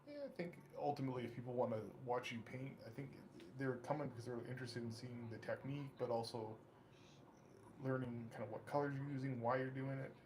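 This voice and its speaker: A man rattles along quickly in casual chat, offhand and joking as he passes along messages. His voice sits at an ordinary male pitch. A faint room hum sits under him in the home studio. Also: fairly even intonation, a little mellow. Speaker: co-host relaying chat messages.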